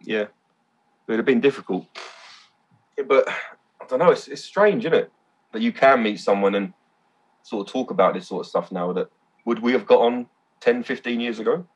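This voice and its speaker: A man telling stories as a podcast guest, excitable and loose, swearing casually. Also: medium pitch, moderate pace, pauses often, slightly rough, muffled recording. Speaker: podcast guest, event organiser. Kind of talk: casual chat.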